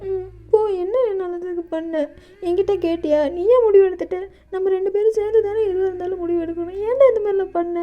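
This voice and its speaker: A woman's voice: extremely high pitch, flat delivery, moderate pace, pitched above the performer's own voice. A woman voicing a tearful pleading young man. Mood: sulky hurt. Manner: sobbing, pleading, sulky. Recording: dull lo-fi with faint music.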